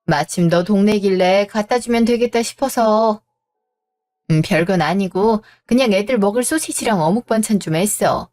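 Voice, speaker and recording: Audio drama role: caring older mother, gentle, chatty, mid-pitched, read by a woman. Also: moderate pace, natural voice. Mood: warm.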